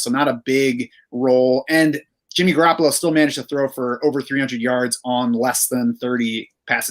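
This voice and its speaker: Male podcast host, mid pitch, steady analytical chat. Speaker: fantasy football analyst.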